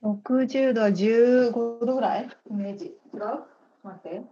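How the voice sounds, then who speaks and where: A woman's voice: on the high side, unhurried, warm tone, dull audio, soft background music. A woman hosting a podcast in casual chat, chatty and laughing easily, with polite host phrasing.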